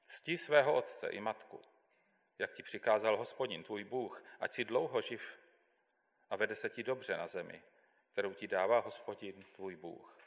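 A man giving a measured, deliberate Bible reading as a scripture reader in a church. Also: lowish voice, gravelly. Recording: long hall reverb.

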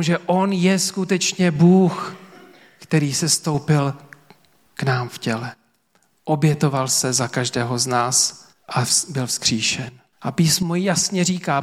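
A man preaching a sermon as pastor to a church congregation, earnest and emphatic with dramatic pauses. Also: on the high side, in a large hall. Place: church service before about 300 people.

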